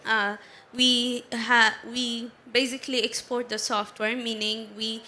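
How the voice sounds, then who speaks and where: A young woman from Ethiopia with an Ethiopian accent, a tech founder speaking on a conference panel in a measured way, often pausing on "uh.". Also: a little high, flat delivery, sharp tone. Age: young adult. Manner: measured, with frequent "uh" pauses. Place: conference stage.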